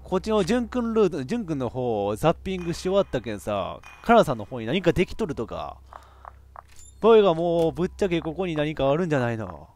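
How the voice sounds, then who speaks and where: A man with a giving excitable let's play commentary on a horror game, reacting loudly and laughing often. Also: on the high side, fast. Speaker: VTuber game streamer.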